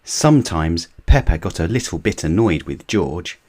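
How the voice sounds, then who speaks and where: A man reading a children's picture book aloud in a gentle, measured bedtime manner. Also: low voice, sing-song. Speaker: reader of children's books.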